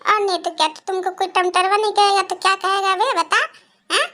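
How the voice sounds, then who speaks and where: A cartoon onion with a very high, bright voice. He is cocky and rude, and taunts the others. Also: steady tone, a little fast, exaggerated voice. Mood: taunting. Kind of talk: cartoon voice acting.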